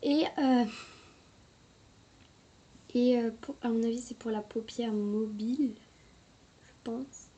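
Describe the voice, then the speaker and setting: A woman chatting casually through a makeup review, hesitant and quick to apologize, recorded on a camera mic at home. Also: on the high side, fairly even intonation, mellow, lo-fi sound. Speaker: beauty vlogger.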